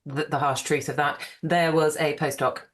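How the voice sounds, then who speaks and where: Guest archaeologist, woman, very low pitch, relaxed rambling talker. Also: moderate pace. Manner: chatty, rambling, laughs easily. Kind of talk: conversational podcast interview.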